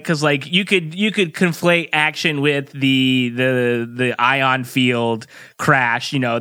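A man's voice: mid-range voice, pushed and bright, clean tone, no echo, studio quality. A man co-hosting a podcast in casual, rambling chat, full of "like" fillers. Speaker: podcast co-host.

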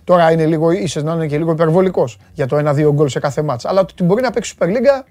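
Guy hosting a sports show, loud rough voice, chatty and teasing, dry studio sound. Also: fairly high pitch, no room sound. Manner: chatty, teasing, jokey asides to viewers. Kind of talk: casual live sports talk.

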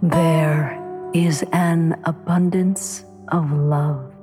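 Woman, soft soothing spa delivery, low-pitched, very slow with long pauses, meditation guide. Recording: guitar music behind. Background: calm plucked guitar music.

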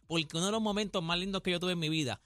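Fast-talking radio host. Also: male voice, high-pitched, a bit bright, no room sound, clean studio sound. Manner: rapid and heartfelt, with repeated phrases. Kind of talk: radio talk show chat.

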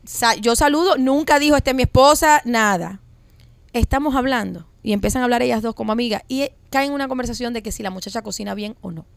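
A woman telling a personal story in a casual group chat, animated and dramatic. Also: a little high, fast talker, creaky, no echo.

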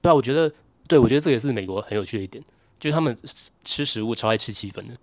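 A man's voice: medium pitch, animated, racing, dry recording. A young man from Taiwan with a Taiwanese Mandarin accent, chatting casually as a podcast co-host in a wry, jokey, complaining way. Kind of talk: casual chat.

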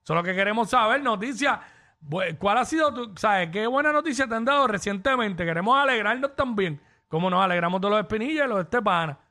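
A Puerto Rican man hosting a radio call-in show with a high, bright voice. He banters and teases in fast, playful slang, laughing between calls. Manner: joking, lively, teasing callers. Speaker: radio co-host. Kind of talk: casual radio chat taking listener calls.

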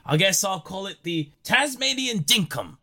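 A performer doing a lively Tasmanian devil. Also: medium pitch, normal speed, exaggerated voice. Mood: explaining. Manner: laughs easily, animated and playful. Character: cheerful Tasmanian devil with Australian slang. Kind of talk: improvised comedy podcast.

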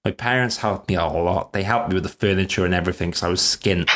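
A man's voice: deep voice, quick pace, fairly bright tone. A man from Wales hosting a podcast, chatting in a rambling, self-deprecating way. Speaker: podcast host. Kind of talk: casual chat.

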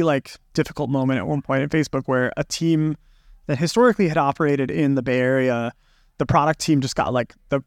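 In a casual podcast chat, a male guest muses on research practice, restarting often and leaning on fillers. The clean, dry studio recording captures his fairly high-pitched voice.

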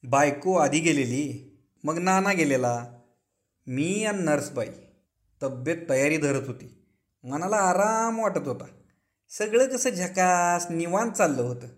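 A boastful old village notable, smitten with his nurse, savours every word as he spins his tale, as a male reader puts him on. His voice sits a little high for a man, and he stretches out the juicy parts. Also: expressive, a little slow.

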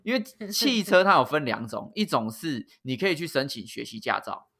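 A man's voice: medium pitch, big pitch swings, a little fast, creaky, a crowd in the background. A man with a Taiwanese accent chatting casually as a host, with a teasing, sarcastic manner and crude slang. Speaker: podcast host. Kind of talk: casual chat.

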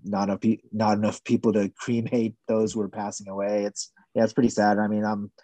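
A man speaking as a podcast guest, talking in a soft-spoken, measured and hedging way. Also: on the low side, level tone, no echo. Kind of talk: casual conversational interview.

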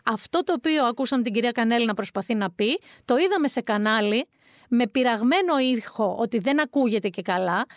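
A woman's voice: fairly high pitch, animated, no room sound, studio quality. A woman commenting on politics in a vlog, sarcastic and emphatic, often repeating words for effect.

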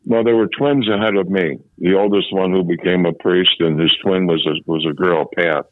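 An older man in his 70s from Chicago, USA, a former policeman, reminisces in a phone interview over a tinny line. His deep voice holds a steady tone without echo, but he speaks haltingly, repeating and restarting phrases.

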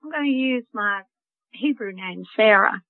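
A woman phoning in to a radio show as a caller, speaking haltingly with many pauses and fillers over a phone line. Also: mid-range voice, animated, dry recording. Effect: phone-in caller heard over a phone line. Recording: tinny dry phone line.

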